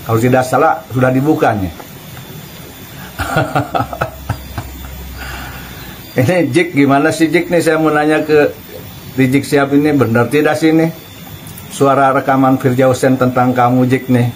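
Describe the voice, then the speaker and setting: A man's voice: mid-range voice, steady tone, measured pace, long pauses, slight background noise, low-quality recording. A man giving casual online commentary, chuckling and firing off pointed rhetorical questions. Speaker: YouTube commentator.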